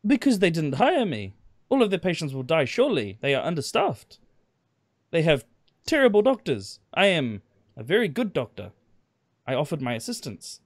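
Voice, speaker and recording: A man's voice: on the high side, wildly swooping pitch, normal speed, no echo, studio quality, voice pushed up, heavily acted. A man voicing a proud foreign woman doctor, speaking stiff, broken English with a German accent. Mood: indignant. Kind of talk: in-character tabletop role-play.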